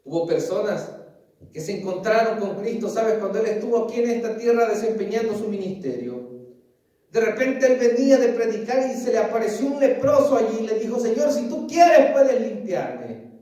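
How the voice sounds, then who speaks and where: A high, mellow-voiced man preaching a sermon, earnestly asking his listeners question after question. He is recorded from a distance, and strong echo fills the space around his voice. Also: brisk. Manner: keeps asking "¿sabes?" and calls listeners "querido hermano". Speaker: pastor. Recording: echoey, distant mic.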